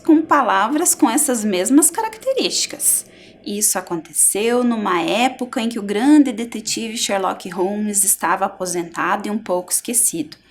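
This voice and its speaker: Lively, patient Brazilian teacher woman. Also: medium pitch. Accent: Brazilian Portuguese. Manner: slow, clear syllable-by-syllable explanation. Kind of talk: primary school lesson.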